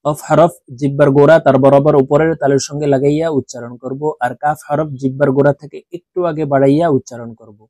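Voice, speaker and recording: Man drilling slow, drawn-out letter sounds. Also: fairly high pitch, flat delivery, mellow, dry recording. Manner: chants letter sounds slowly, then explains quickly. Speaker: Quran reading teacher. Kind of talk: slow recitation drill with explanations.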